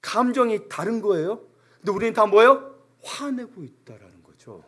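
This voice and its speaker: A man's voice: high-pitched, normal speed. A male pastor preaching a sermon in a church, speaking with emphasis and briefly acting out the voices of ordinary people. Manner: animated, emphatic, briefly acts out everyday complaints. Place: church sanctuary.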